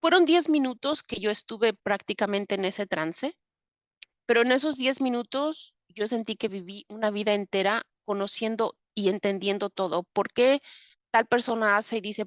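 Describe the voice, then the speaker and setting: A woman's voice: mid-range voice, no room sound, lo-fi sound. A woman with a Mexican accent, a guest recounting a personal experience in vivid detail, with frequent fillers and restarts. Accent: Mexican Spanish. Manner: vivid retelling with many fillers. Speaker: interview guest. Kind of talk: personal storytelling.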